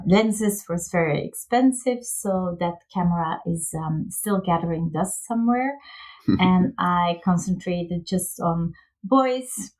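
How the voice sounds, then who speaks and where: A woman's voice: on the low side, dark tone, rough recording. Chatty Belgian woman, guest on a podcast. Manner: chatty, laughs often, searches for words. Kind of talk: casual interview.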